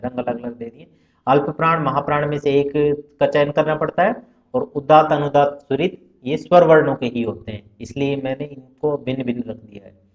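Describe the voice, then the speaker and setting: Male grammar teacher, somewhat high voice, methodical lecture delivery, roomy and dull recording. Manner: methodical, recites Sanskrit terms then explains each in Hindi.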